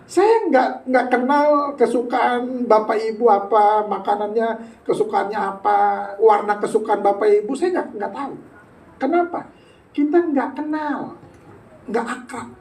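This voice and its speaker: A man's voice: extremely high pitch, unhurried, a little mellow. A man preaching a sermon as pastor, joking and bantering with the congregation and slipping into casual slang. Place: church sanctuary. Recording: echoey church hall, heard from a distance.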